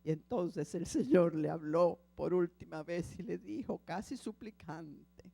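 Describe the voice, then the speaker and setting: A woman's voice: on the low side, unhurried, vocal fry, slightly rough. Woman preacher telling a dramatic story. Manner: dramatic, dropping to a hush. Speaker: preacher, community founder. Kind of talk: sermon storytelling.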